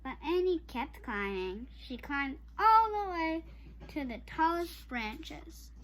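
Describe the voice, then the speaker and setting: A child storybook reader for online viewers reads a children's chapter book slowly in a high, slightly bright voice with big pitch swings. It's informal, with apologies and direct remarks to the listeners, captured on a rough recording.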